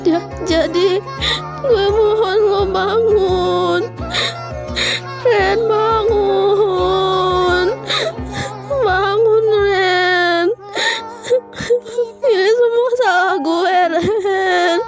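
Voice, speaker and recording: A woman voicing a stubborn, clingy teenage schoolgirl in an animated fan drama, sobbing and stammering in slangy pleas. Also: high voice, moderate pace, over music, lightly acted. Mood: desperate crying.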